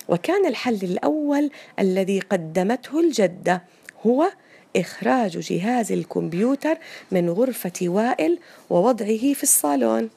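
A woman narrating a children's story in Arabic in a measured, expressive reading voice. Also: on the high side, creaky, slightly rough.

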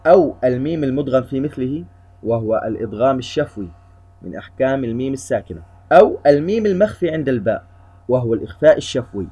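A man's voice: mid-range voice, mellow. A man giving a tajweed lesson, explaining recitation rules methodically and point by point. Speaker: Quran recitation teacher. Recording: dull lo-fi recording.

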